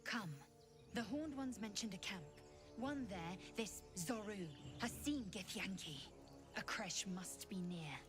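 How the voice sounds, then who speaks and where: A woman's voice: mid-range voice, animated, measured pace, music in the background, lightly acted. An actress playing a stern, haughty alien warrior woman in a fantasy game, clipped and formal. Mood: disdainful. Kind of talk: fantasy video game acting.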